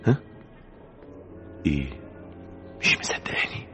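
A man's voice: slow, sharp tone. An actor with an Egyptian accent playing a lovesick young man who pleads tenderly and intensely in a radio drama. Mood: pleading. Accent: Egyptian Arabic. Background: music.

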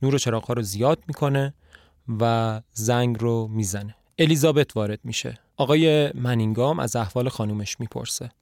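A man narrating a play in an even, storytelling manner. His voice sits at an ordinary mid pitch. It is recorded close and dry, with no room echo. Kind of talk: scripted narration.

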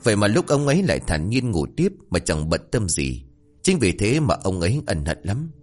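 A man narrating a horror story in a dramatic, animated storytelling manner. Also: fairly low pitch, normal speed, husky. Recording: faint background music.

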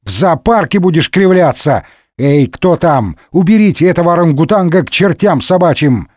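A man's voice: high voice, expressive, measured pace, no echo, clean studio sound, voice pushed up. A man voicing a rude, harried parliament speaker who bullies the chamber. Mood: rowdy. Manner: brash, bullying shouting.

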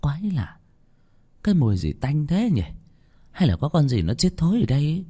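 A man voicing a middle-aged village woman, yelping high and shrill. Her voice leaps up and down in fright, much higher than his own. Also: sing-song, fairly quick, mellow, husky. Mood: uneasy.

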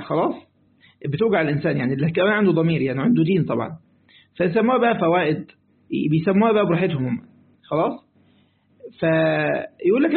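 Egyptian male religious teacher, fast and high-pitched, colloquial lesson over a narrow lo-fi line. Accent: Egyptian Arabic. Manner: lively, acts out dialogues, switches between reading text and colloquial asides. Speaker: sheikh teaching Quranic exegesis. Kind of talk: colloquial lesson explaining a classical text. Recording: tinny phone-like audio.

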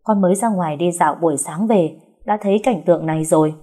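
A woman's voice: fairly low pitch, quick pace, mellow, breathy edge. A woman voicing a genial young master of a rich household who speaks politely but gives orders. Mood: easygoing. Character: young gentleman of a rich household, good-natured and commanding.

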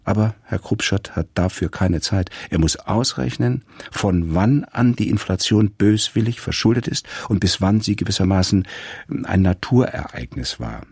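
Deep, gravelly male story narrator. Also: dry recording. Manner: calm, measured storytelling. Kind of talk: radio story reading.

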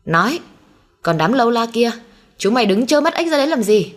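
Storybook figure: woman voicing a young master, furious, raised scolding voice, quick. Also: on the high side, lively intonation, voice pushed up. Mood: enraged. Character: furious young master of a rich household, male.

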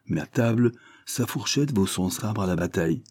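A man voicing a husky, boastful French captain. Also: on the low side, lively intonation, a little mellow, no room sound. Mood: proud. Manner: quick, proud retorts. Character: boastful witty male French army captain.

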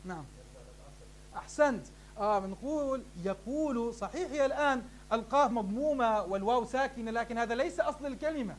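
Very high-voiced fast-talking sheikh. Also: male voice, noisy background. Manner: poses questions to students and answers them himself; addresses the class warmly as "beloved ones". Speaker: sheikh teaching Arabic morphology. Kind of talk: classroom lecture.

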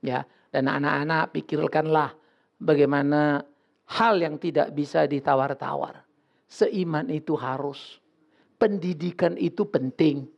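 Male pastor, sermon; blunt, joking, casual delivery; very gravelly voice, muffled lo-fi recording. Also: on the high side, steady tone, unhurried. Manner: blunt, joking, colloquial preaching.

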